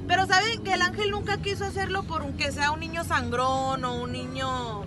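A woman in her thirties talks into a phone held at arm's length, vlogging for her viewers in a chatty way. Her voice sits high. Loud crowd chatter and heavy background noise surround her. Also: moderate pace. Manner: chatty, addresses viewers directly, gently corrects kids. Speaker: family vlogger. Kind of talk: casual vlog chat to viewers. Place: car at night, shopping mall, home kitchen.

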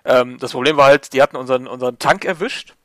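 A man with a medium-pitched voice talks through a tactical shooter. The sound is close and dry. He moves between informal chat and terse radio procedure. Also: fast talker, fairly bright tone, no echo. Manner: informal, alternating with clipped military radio phrases. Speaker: video game player. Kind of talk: casual chat and radio calls during tactical co-op gameplay.

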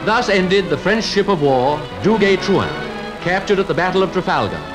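A man giving scripted narration for a 1940s newsreel, in a solemn, formal, measured voice over an old archive soundtrack. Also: sits high, very animated, music in the background.

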